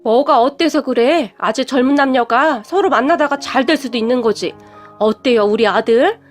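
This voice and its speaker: A woman voicing a feisty middle-aged mother who shouts and scolds in a story. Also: high voice, normal speed, soft background music, lightly acted. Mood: coaxing. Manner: shouting, bossy, wailing.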